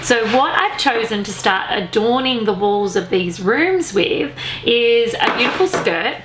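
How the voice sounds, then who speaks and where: A fairly high-voiced Australian woman presents a home renovation vlog. She gushes in an effusive makeover-reveal style, leaning on key words and drawing them out. The room is echoey, with faint noise behind her. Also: animated, measured pace, a bit bright. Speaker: host of a home renovation show.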